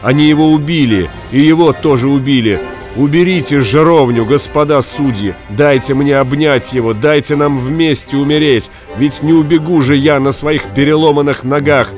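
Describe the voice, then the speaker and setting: A man voicing a grieving peasant mother who pleads and wails in high, loud cries. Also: moderate pace, faint music behind, close to an everyday voice. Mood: wailing. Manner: high wailing pleas.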